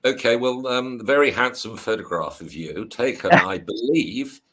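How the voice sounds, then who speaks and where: An older man hosting an online history show, chatting in a relaxed way with fillers as he introduces his guest. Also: mid-range voice, normal speed. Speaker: show host. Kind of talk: hosting a video call interview.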